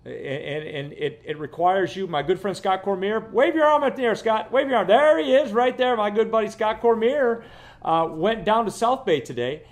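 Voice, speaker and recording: His voice sits high and he talks at a normal pace. This fifty-something fishing guide from Florida vlogs from his living room, seated with the camera close up, rambling casually and frequently repeating himself.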